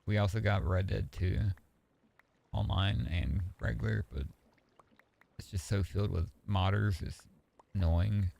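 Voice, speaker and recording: Gravelly low-voiced man chatting casually. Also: unhurried, pauses often. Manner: relaxed, rambling, swears freely. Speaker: streamer. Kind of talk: casual stream chat.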